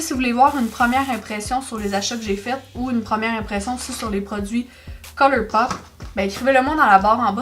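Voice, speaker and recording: A young woman with a Québécois French accent, chatting excitedly through a makeup haul in a casual vlog. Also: a little high. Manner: chatty, excitable, exclaims over products. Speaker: beauty vlogger.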